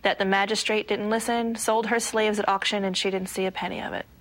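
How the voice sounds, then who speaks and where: A woman's voice: medium pitch, flat delivery, brisk, noisy background. A woman recounting her own experience reflectively in a documentary interview.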